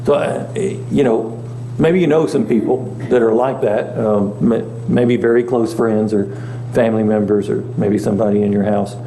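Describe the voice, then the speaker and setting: A man's voice: fairly low pitch, fairly even intonation, normal speed, warm tone. A male pastor teaching a Bible class in a chatty way, often asking the class questions. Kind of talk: conversational Bible lesson. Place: church meeting room. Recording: echoey room, faint hum.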